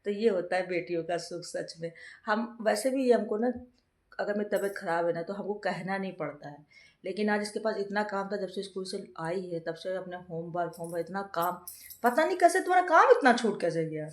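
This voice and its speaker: A woman's voice: lowish voice, fairly even intonation, brisk, a little mellow. Chatty woman vlogging in an echoey room. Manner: chatty storytelling, breaks into laughter. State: unwell with a fever. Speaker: vlogger, mother. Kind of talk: casual home vlog chat. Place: at home.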